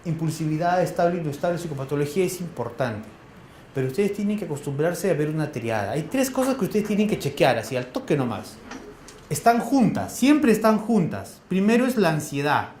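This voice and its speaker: Peruvian guy teaching a class, keeps throwing quick questions at students, kinda high voice, echoey room. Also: very animated, darkish tone, slight background noise. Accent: Peruvian Spanish. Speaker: lecturer. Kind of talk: interactive classroom lecture.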